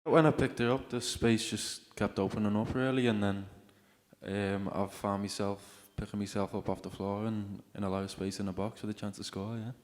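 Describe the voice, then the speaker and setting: A young man answers questions about his game in a low, flat voice. He hesitates and trails off with "yeah", and a long reverb hangs behind him. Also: moderate pace. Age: young adult. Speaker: footballer interviewee. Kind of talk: casual interview.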